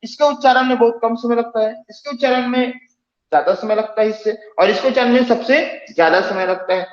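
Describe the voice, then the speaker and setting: A man's voice: very high voice, fairly quick. A man teaching a Hindi grammar class, repeating key phrases and quizzing his students. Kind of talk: classroom lecture. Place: classroom with lights off. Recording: echoey, dull classroom recording.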